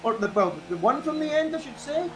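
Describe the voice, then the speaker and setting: A man's voice: very high voice, expressive, fairly quick, crowd noise. A man giving co-commentary and analysis on a live esports race, chatty and fond of rhetorical questions.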